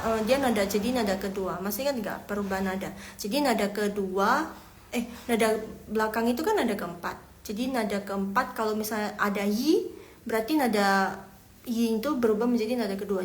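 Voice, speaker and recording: Upbeat woman teaching Mandarin, slightly high. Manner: explains patiently, repeats words slowly, asks the class questions. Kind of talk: casual language lesson.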